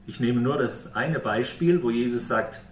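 A man preaching a sermon, slow and emphatic, asking questions and acting out quoted speech. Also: mid-range voice, distant mic. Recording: echoey room, voice from away from the mic.

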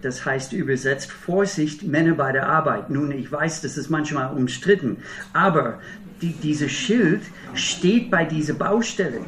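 This middle-aged preacher from Minnesota, USA speaks German with an American accent in a voice on the high side and a bit bright. He tells earnest stories with dry wit; a faint hiss or hum accompanies the distant recording of a roomy hall.

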